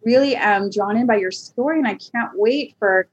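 A woman hosting a podcast interview, asking questions in a gentle, hesitant way with frequent filler words. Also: fairly high pitch, normal speed, husky. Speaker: podcast host. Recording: dull lo-fi recording.

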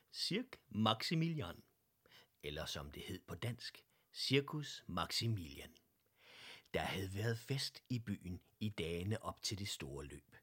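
A man reads a children's story aloud in a calm, lively way. His voice is low and husky. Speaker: narrator. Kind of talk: children's audiobook reading.

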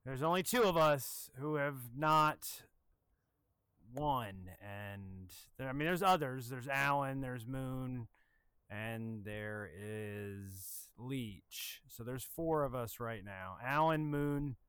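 A man's voice: medium pitch, expressive, slow, a bit bright, smooth, no room sound, studio quality. A man co-hosting a podcast in casual banter, joking and acting out quoted exchanges in his stories.

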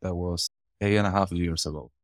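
A Venezuelan man in his forties, speaking with a Venezuelan Spanish accent, answers an interviewer's questions as a guest, earnest and halting, often repeating words while searching for phrasing. His low voice is steady, recorded in studio quality with no room sound.

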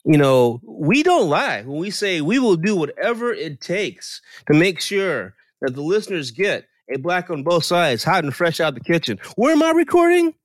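A man's voice: on the high side, animated, normal speed, few pauses, no room sound, clean studio sound. A man co-hosting a casual podcast in a playful, jokey way, recording in a guest room while lying on the floor with a handheld mic. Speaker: podcast co-host. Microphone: handheld mic through a phone.

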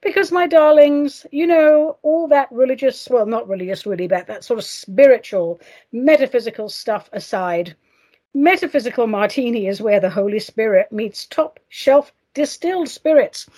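Theatrical woman host, high and very animated. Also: moderate pace. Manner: playful, theatrical, doting way of addressing listeners. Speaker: show host. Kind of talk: theatrical solo show monologue with rhymes.

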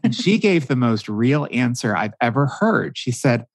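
Animated man telling stories, dry sound. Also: mid-range voice, moderate pace, breathy edge, dry recording. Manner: animated storytelling with frequent ums. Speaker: guest expert. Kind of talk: podcast interview.

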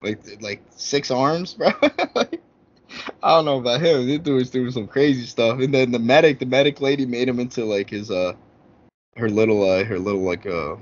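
A man's voice: medium pitch, moderate pace. Male podcast guest, thirties, frat-bro slang, casual gaming chat, lo-fi sound. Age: 30s. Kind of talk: casual chat about video games. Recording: dull, lo-fi audio.

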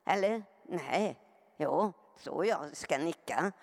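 A woman's voice: deep voice, expressive, vocal fry, darkish tone. A woman giving an earnest personal testimony to a live audience, often turning to them with direct questions. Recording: long hall reverb.

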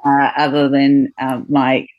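A middle-aged woman, a podcast guest, chatting casually with many pauses and fillers and laughing now and then. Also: very deep voice, little pitch movement, no room sound, highs cut off. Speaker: podcast guest, company co-founder. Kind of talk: casual interview chat.

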